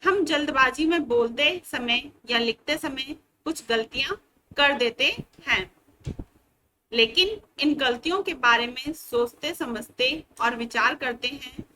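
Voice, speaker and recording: A woman teacher giving a slow, clear Hindi grammar lesson to young children. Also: high-pitched, bright, forceful tone, slight background noise, poor audio. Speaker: school teacher.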